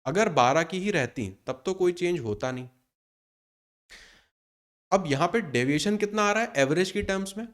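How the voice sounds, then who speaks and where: A man in his thirties gives an exam-prep maths lesson, speaking Indian Hindi sprinkled with English terms. He has a high, animated and fairly bright voice at normal speed, pausing often as he works through each step and answers questions he poses himself.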